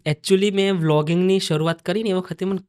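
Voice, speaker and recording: Fast-talking young man with a rural Gujarati dialect. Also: high-pitched, steady tone, darkish tone. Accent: Sabarkantha Gujarati dialect. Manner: chatty, acts out quoted lines of himself and others. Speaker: guest, vlogger and dancer. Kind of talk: podcast interview storytelling.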